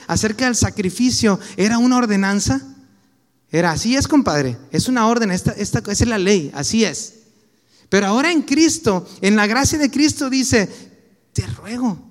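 Mexican male preacher, high register, relaxed anecdotal sermon delivery with slang; long hall reverb. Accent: Mexican Spanish.

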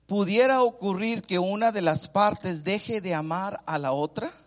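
A male pastor preaching a sermon, acting out the voices of the people in his story and swinging between loud and hushed. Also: high voice. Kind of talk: sermon with acted-out anecdote.

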